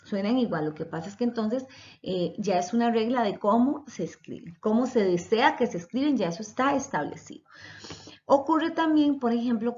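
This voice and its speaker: Woman teacher explaining patiently, lo-fi. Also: a little high. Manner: explanatory, spells out letters and sounds. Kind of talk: recorded lecture. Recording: dull lo-fi recording.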